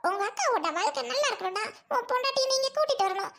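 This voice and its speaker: A woman's voice: extremely high pitch, expressive, racing, creaky, fairly bright tone, full character voice. A woman playing a childless young wife in a family drama skit, pleading and tearful. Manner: pleading, repeats "aunty" (mother-in-law) again and again.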